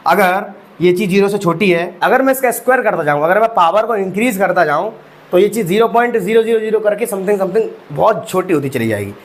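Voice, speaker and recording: A man's voice: high-pitched, expressive, fast talker. A young man teaching maths, walking students through each step with rhetorical questions and calling them bhai sahab. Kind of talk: exam-prep lecture.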